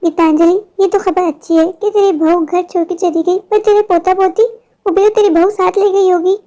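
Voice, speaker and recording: A woman's voice: very high voice, fairly even intonation, moderate pace, warm tone, lo-fi sound. A woman voicing a prying, meddling older neighbor woman in a cartoon story. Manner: prying, insinuating.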